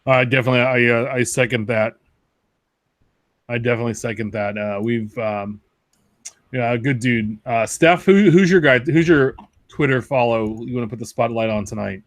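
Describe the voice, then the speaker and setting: A man's voice: medium pitch, moderate pace, no echo. Rambling, jokey man co-hosting a podcast. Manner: rambling, self-correcting, jokey. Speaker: podcast co-host. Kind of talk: casual chat.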